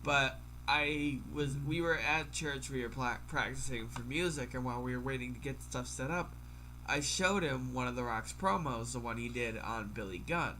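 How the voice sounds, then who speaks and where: A man's voice: mid-range voice, moderate pace, sharp tone, a little hiss or hum, rough recording. A man with a congested, stuffy nose, under the weather, hosting a casual, chatty podcast. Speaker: podcast host.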